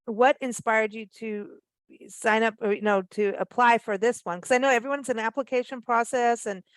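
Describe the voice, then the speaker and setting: A woman's voice: fairly high pitch, steady tone, moderate pace, no echo. A woman hosting a radio interview show, talking in an upbeat, chatty way with fillers. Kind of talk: casual interview chat.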